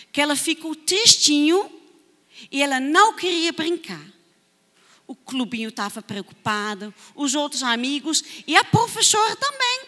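A woman missionary telling a story to children at church, animated and sing-song. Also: high-pitched, in a large hall. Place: church hall.

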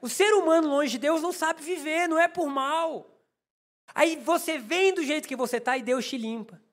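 A man's voice: very high voice, normal speed, a bit bright. A man with a Brazilian Portuguese accent preaching a sermon to his congregation. He tells a personal story with humor and speaks straight to the listeners. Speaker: pastor.

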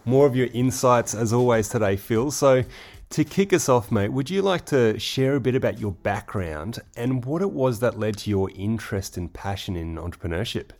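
A man's voice: mid-range voice, expressive, moderate pace, a little mellow. A man hosting a podcast interview, friendly and encouraging, with short nods of agreement. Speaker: podcast host.

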